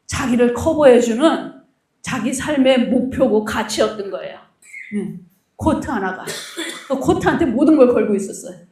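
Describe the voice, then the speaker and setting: A middle-aged woman pastor preaching, telling a story in an animated way and acting out the people in it. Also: a little high. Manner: animated storyteller, acts out quoted dialogue. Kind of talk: storytelling sermon. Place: church hall. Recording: roomy echo, voice from a distance.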